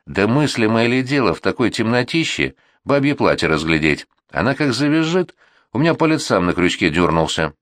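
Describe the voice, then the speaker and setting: A man's voice: on the low side, very animated, fairly quick, a bit bright, no room sound, clean studio sound, pitched above the performer's own voice. A man reading an audiobook who voices a whiny, touchy male anarchist gunman. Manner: whining, offended.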